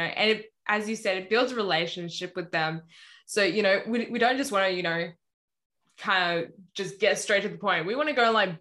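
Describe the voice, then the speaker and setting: A woman guest speaks in a faith podcast chat. Her voice sits at a medium pitch, and she keeps things relaxed and chatty, filling her speech with "you know".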